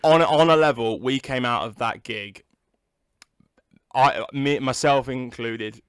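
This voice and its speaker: A man's voice: medium pitch, slow, clean tone, no room sound. Rambling young man, dry close mic. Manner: rambling, swears, lots of fillers. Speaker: podcast co-host. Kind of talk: casual chat. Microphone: video call recording.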